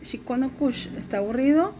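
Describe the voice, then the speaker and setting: A woman teacher giving a recorded class lesson, speaking slowly and deliberately and spelling out pronunciation for her students. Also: high-pitched, lively intonation, mellow, slight background noise. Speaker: language teacher.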